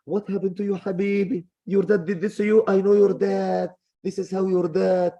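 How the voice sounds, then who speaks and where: A man's voice: sits high, little pitch movement, moderate pace, warm tone, voice pushed up. A man putting on a doting, coddling mother. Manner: coddling, sympathetic. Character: doting soft-hearted mother comforting her son.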